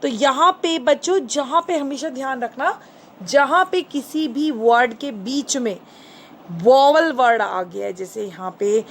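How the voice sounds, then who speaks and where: A woman with a high, light voice and an Indian English accent teaches a grammar lesson for children. She speaks slowly and deliberately, switching between Hindi and English and posing questions that she then answers herself. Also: a little hiss or hum. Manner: patient, asks questions and answers them herself; calls listeners "children", mixes Hindi and English. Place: indoors, screen recording.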